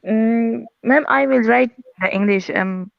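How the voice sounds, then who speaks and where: A woman in her twenties with a Pashto-influenced Pakistani accent speaks halting, nervous English. Her voice has a gravelly creak, and the sound is dull and dry, like a lo-fi call. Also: a little high, no room sound. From Peshawar, Pakistan. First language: Pashto and Urdu. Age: 20s. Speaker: caller, university student. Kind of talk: casual conversation practice.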